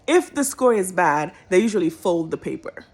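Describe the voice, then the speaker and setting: A young woman telling a personal story to her viewers in a casual, animated, emotional way. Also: on the low side, normal speed, husky. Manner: animated, emotional, colloquial, bursts into laughter.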